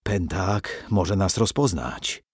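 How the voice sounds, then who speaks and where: A man's voice: low voice, expressive, slow, slightly rough, dry recording, clean studio sound, exaggerated voice. A man voicing a sly, cowardly thief who whines and pleads. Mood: pleading. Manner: whining, pleading.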